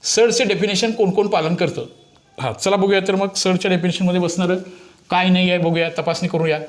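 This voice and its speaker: A man's voice: high voice, brisk. A man teaching maths step by step, explaining to children and coaxing them with frequent check questions.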